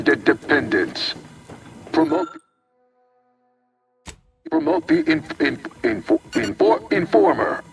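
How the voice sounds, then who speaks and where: A man's voice: a little high, creaky, far from the mic, full character voice. An actor voicing a malfunctioning male archive AI whose speech glitches into stuttered, looping fragments of words. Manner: clipped machine announcements broken by looping errors. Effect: glitching robot voice, stuttering and repeating.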